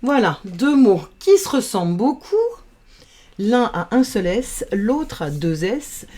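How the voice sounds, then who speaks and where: A woman teaching reading, patiently sounding out letters and syllables in a slow phonics lesson. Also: mid-range voice, sing-song, warm tone.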